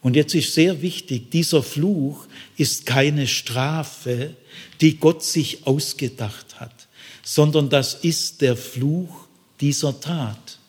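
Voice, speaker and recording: A man's voice: fairly high pitch, slow pace, breathy edge. A man preaching a sermon in a folksy way, often tagging his sentences with a questioning aside. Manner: folksy, frequent tag questions. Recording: long reverb in a hall.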